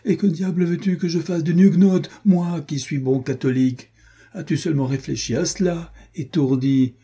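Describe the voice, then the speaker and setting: A man's voice: medium pitch, moderate pace, dark tone, husky, natural voice. A man voicing a distraught young nobleman. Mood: vehement. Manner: anguished, pleading, explosive.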